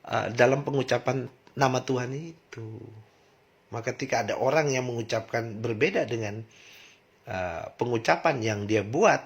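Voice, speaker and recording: Gravelly-voiced man musing aloud. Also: mid-range voice. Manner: reflective, asks rhetorical questions, frequent fillers. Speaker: channel host discussing religion. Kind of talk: casual spoken monologue.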